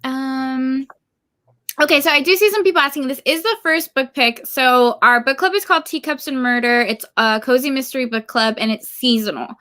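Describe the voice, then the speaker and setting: A high, bright-voiced woman co-hosts a book club livestream. She talks in an animated way, tossing in exasperated asides. Her tone stays sharp and lively. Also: normal speed. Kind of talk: casual livestream chat.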